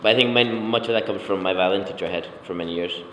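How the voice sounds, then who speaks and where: Young male circus artist, casual and relaxed; deep voice, roomy hall sound. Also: fast. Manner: relaxed, swears casually, many fillers. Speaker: circus performer. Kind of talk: casual interview talk. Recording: echoey hall, background noise.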